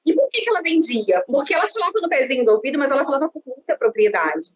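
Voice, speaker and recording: Talking quickly in a high, Brazilian Portuguese-accented voice, this woman in her 30s, a sales consultant, is interviewed conversationally on a live stream. Self-described as outgoing, she comes across as animated and expansive. Her audio is dull, lo-fi, and carries faint background noise.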